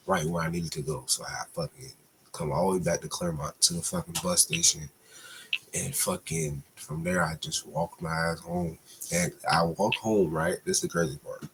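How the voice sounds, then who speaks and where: Deep-voiced young man telling a story. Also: expressive, slight background noise, low-quality recording. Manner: loose, slangy and profane, drawn-out retelling. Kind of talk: casual storytime.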